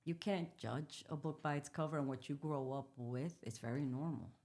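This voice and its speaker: A woman's voice: low-pitched, moderate pace. A woman in her fifties from the Dominican Republic, a native Spanish speaker, telling her story candidly as an interview guest. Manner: candid storytelling, animated retellings. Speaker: guest entrepreneur. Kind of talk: casual interview conversation.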